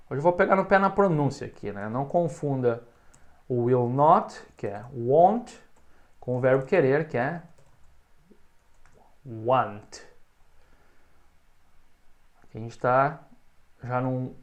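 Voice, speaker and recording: A man with a Brazilian Portuguese accent teaching English pronunciation, modelling short words loudly and having the learner repeat after him. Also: mid-range voice, lo-fi sound. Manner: slow, drawn-out modelling of words, stressed loud examples.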